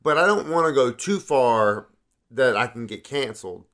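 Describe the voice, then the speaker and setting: A man chatting casually about movies, joking about himself and stammering as he restarts his thoughts. He speaks at an ordinary middle pitch in a relaxed, conversational way. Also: normal speed. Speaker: movie marathon co-host. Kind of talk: casual chat.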